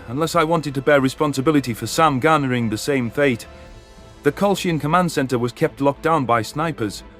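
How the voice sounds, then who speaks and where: A man with a medium-pitched voice, acting lightly, plays an alien soldier consumed by grief and a thirst for revenge. He tells a sci-fi war story in the first person, narrating and voicing dialogue in earnest, formal, articulate language.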